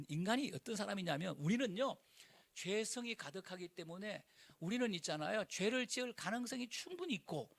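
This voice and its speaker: A middle-aged male pastor preaching a sermon in an animated, colloquial way, full of rhetorical questions. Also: sits high, vocal fry.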